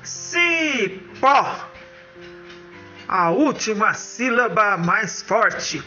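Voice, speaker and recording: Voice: mid-range voice, sing-song, slow, bright, forceful tone, lo-fi sound, faint music behind, heavily acted. A performer voicing Tom, a cheerful cartoon helper who repeats the choices, thinks aloud and calls out the answer. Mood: eager.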